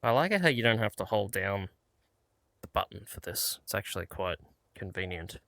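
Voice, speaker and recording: A man gives relaxed gameplay commentary, muttering to himself as he loots. His low voice has a gravelly rasp to it. The sound is dry and close, with no room around it. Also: moderate pace, dry recording. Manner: laid-back, talks to himself while looting. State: out of breath at times. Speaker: gaming channel host.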